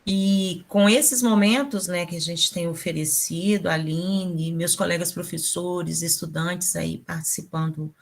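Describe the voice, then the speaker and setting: A woman teacher with a Brazilian Portuguese accent hosting an online talk, telling stories in a lively, animated way. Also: fairly low pitch, unhurried, vocal fry, few pauses. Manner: animated storyteller, voices quoted people. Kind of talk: casual conversational talk.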